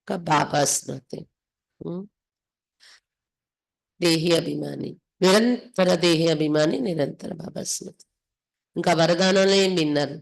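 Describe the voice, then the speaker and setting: Over poor audio, an Indian woman who is a spiritual teacher reads and explains a devotional text in a low, gravelly voice at a measured pace with long pauses. She teaches instructively, repeating points for emphasis and posing rhetorical questions.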